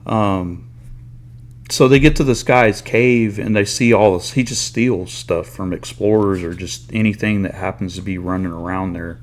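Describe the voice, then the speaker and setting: A man with a fairly low voice hosts a relaxed comic book talk. He retells a story loosely, leaning on "like" and slang, with the odd curse word thrown in. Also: normal speed. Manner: rambling retelling full of "like" and paraphrased lines; swearing, laid-back slang. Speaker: comic book reviewer host. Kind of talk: casual chat.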